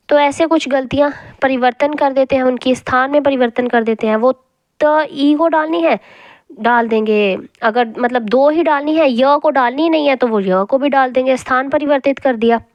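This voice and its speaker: A woman teaching a Hindi grammar lesson, speaking slowly and repeating each word as she drills spellings aloud. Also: sits high, no echo, highs cut off. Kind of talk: classroom lesson explaining spelling.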